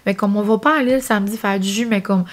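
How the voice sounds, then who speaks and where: This young Acadian French vlogger speaks fast in a mid-range voice. She chats and rambles casually, using plenty of fillers such as "genre, comme."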